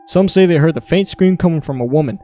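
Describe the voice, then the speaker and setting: A man's voice: on the high side, quick pace, warm tone. A young adult man hosting a podcast, casually reading online stories aloud in a crude, joking way. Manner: crude, joking, reads in clipped green-text style. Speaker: podcast host.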